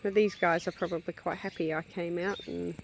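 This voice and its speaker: A woman's voice: steady tone, brisk, gravelly, a little hiss or hum. Aussie woman filming on her phone outside, chatty and fond, faint birds around. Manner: chatty, fond, calls to animals in a high sing-song. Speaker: hobby farm vlogger. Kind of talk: casual walk-around narration. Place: outdoors on a rural property. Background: faint birds and farm animals.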